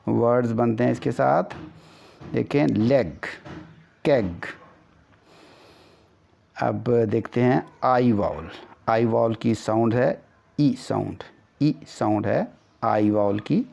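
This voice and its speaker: Guy doing a phonics lesson, gravelly mellow voice, repeats each sound, dull lo-fi audio. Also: medium pitch, slow pace, long pauses. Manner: drills sounds by repeating them. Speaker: English teacher. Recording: dull lo-fi recording.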